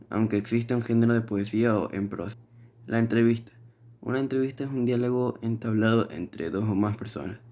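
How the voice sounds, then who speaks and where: Low, mellow-voiced young man reading notes. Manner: halting reading with frequent restarts and fillers. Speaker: student presenting his portfolio. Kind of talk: reading class notes aloud.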